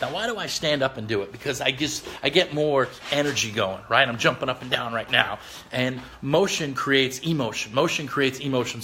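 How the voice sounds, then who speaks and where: A man delivers an energetic motivational talk to his live viewers, speaking outdoors with a faint hum of ambience around him. His voice is bright and forceful, and his delivery is upbeat and direct, like a pep talk. At times he sounds a little out of breath. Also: medium pitch. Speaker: host of a motivational live stream.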